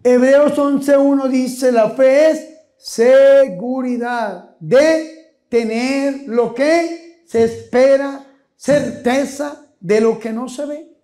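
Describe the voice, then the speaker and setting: A man, a priest, giving a lively sermon with call-and-response, repeating his questions and shouting key words. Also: very high voice, drawn-out words. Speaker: priest preaching. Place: church or retreat hall with a congregation. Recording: echoey hall with crowd.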